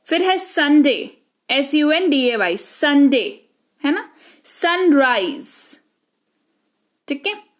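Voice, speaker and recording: A woman teaches English phonics in an unhurried lesson. Her voice sits high. She draws out every example word slowly and keeps checking that the class is following. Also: very animated. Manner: slow, drawn-out example words, frequent "ठीक है".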